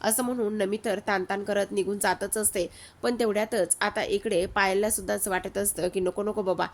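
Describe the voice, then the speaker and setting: A woman retelling the day's episode of a TV serial in a steady, casual storytelling way. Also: medium pitch, moderate pace. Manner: steady retelling, reads quoted lines in her own voice.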